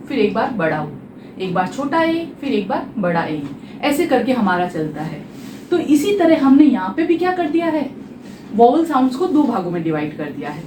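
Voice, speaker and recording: A woman's voice: fairly high pitch, noisy background. A woman teaching a phonetics lesson for exam preparation, explaining step by step and asking her students rhetorical questions. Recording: echoey room, voice a little far from the mic.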